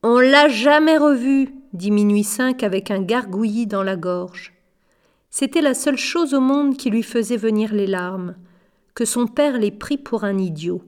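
A woman narrating a children's storybook in a gentle, measured way. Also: mid-range voice. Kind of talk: audiobook narration.

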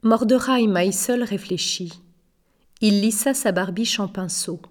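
A woman reads a storybook tale in a measured, even way. Her voice sits at a middle pitch. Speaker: narrator. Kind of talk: scripted narration.

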